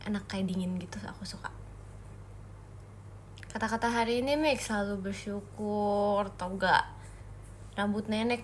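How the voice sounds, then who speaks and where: A woman's voice: mid-range voice, a little hiss or hum. A young woman from Indonesia chatting casually on a phone livestream, answering viewer comments in a playful, giggly way.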